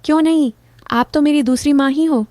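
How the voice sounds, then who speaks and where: A woman's voice: high voice, brisk, a little mellow, no room sound, pitched above the performer's own voice, natural voice. A woman voicing a coaxing young son-in-law. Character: young man, a soft-spoken charming son-in-law.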